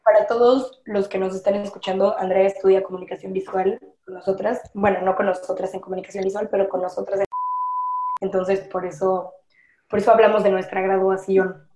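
A woman's voice: mid-range voice, little pitch movement, a little fast, mellow. Echoey, slangy young Mexican woman host. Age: 20s. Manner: slangy, joking. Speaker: podcast host. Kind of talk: casual chat.

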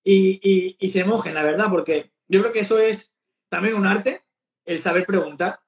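A man's voice: high voice, normal speed. A man hosting a podcast in a casual, rambling way with many restarts. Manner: chatty, rambling with frequent restarts. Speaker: podcast host. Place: lives in Barcelona. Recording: echoey, dull lo-fi sound.

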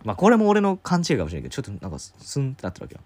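A man casually telling a story to a co-host, acting out the quoted voices in a rough, informal way. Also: mid-range voice, wildly swooping pitch, rapid-fire, darkish tone. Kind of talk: casual chat.

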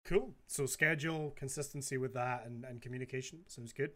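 A man's voice: medium pitch, brisk, a bit bright. A man casually hosting a panel in natural unscripted talk, passing questions around. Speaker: panel host.

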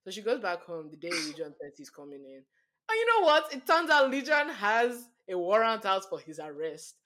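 A woman's voice: mid-range voice, normal speed. A woman co-hosting a casual podcast, retelling a wild story with lots of laughter and acted-out quotes. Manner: animated retelling, acts out quotes, laughs often. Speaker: podcast co-host.

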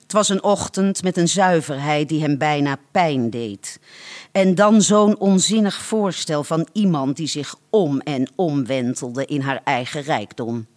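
A slow, deliberate storyteller reading a literary tale aloud. The narration is measured and unhurried, with a dry, ironic edge that lets details land without comment. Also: mid-range voice.

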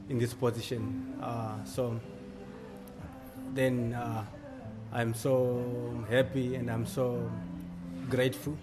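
A man from Zimbabwe, a coffee shop owner answering interview questions in an earnest, halting way with many restarts. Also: medium pitch. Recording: music playing clearly behind.

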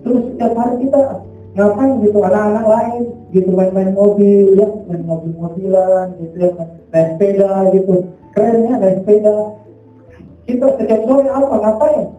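A man's voice: high-pitched, steady tone, normal speed, warm tone, soft background music. A man giving a casual sermon testimony, talking in short phrases with constant filler tags, recorded from far off in a very echoey hall.

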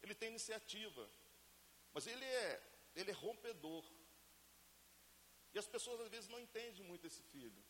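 A man from Brazil preaching a lively sermon to a congregation and asking them to answer him. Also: high voice, normal speed, long pauses. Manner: acts out family scenes in everyday voices. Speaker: pastor. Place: church hall. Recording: reverberant church hall, faint hiss.

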